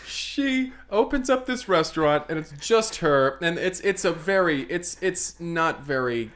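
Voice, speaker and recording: A man's voice: fairly high pitch, lively intonation, a little slow, a bit bright. A man co-hosting a comedy podcast, improvising a silly movie plot with lots of stammered restarts and laughter. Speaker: podcast co-host.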